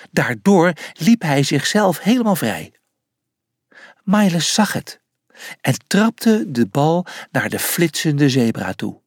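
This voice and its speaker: A storyteller reading a children's animal adventure aloud with lively expression. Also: mid-range voice, slightly rough, no echo, studio quality.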